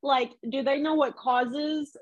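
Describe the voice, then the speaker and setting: A woman in her thirties hosting a video call interview, encouraging and warm with her guest. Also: sits high, steady tone, slow, slight background noise, poor audio. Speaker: host.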